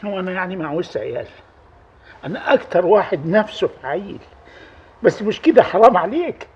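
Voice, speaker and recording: A weary, exasperated chief's son. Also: male voice, sits high, very animated, a little fast, a little mellow, lo-fi sound. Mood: pleading. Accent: Upper Egyptian. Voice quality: earnest, exasperated. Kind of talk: period TV drama acting.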